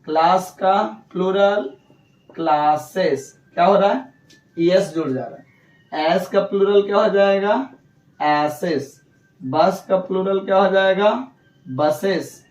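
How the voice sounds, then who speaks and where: A man's voice: sits high, slow, darkish tone, echoey room, recorded from a distance, low-quality recording. A male teacher explaining English grammar rules, asking questions and answering them himself. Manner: repeats rules, asks and answers own questions. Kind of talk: classroom lesson.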